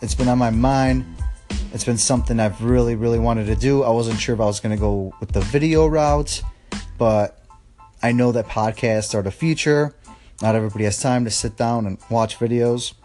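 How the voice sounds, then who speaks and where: A man's voice: mid-range voice, a little mellow. A man hosting a podcast, talking casually and earnestly in an encouraging, rambling way. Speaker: podcast host. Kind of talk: casual motivational monologue.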